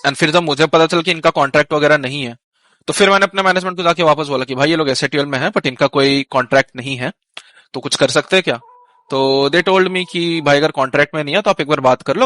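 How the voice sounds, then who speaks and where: A man's voice: a little high, quick pace, fairly bright tone, dry recording. A man recounting a team dispute on a live stream in casual Hinglish, mixing English phrases into his Hindi. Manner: conversational storytelling, with fillers and restarts. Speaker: esports team manager.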